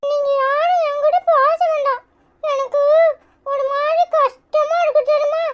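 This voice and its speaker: A woman's voice: steady tone, measured pace, dull audio. Woman doing a tearful little cartoon boy. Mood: sulky, tearful. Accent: Tirunelveli Tamil. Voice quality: very high, childlike. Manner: whiny pleading, near tears. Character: young boy Ashwin, sulky and tearful. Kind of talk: cartoon comedy voice acting.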